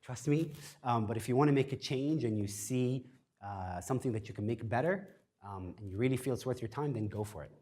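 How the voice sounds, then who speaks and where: His mid-range voice is warm and a little husky as he races through a laid-back lecture. He's a guest speaker at a startup workshop, addressing an event-space audience with frequent fillers and self-mockery.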